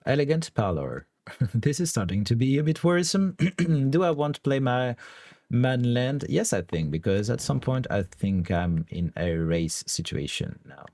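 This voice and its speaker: A man's voice: medium pitch, big pitch swings, unhurried, darkish tone, dry recording. A young man with a French accent, a card game streamer thinking aloud through his plays, weighing options and often laughing. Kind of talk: thinking aloud while playing online.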